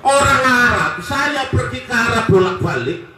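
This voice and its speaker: A man with a Javanese accent preaching a sermon to a crowd, joking and swinging between loud, emphatic lines and quiet ones. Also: very high-pitched, lively intonation, moderate pace, music in the background. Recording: echoey from far off.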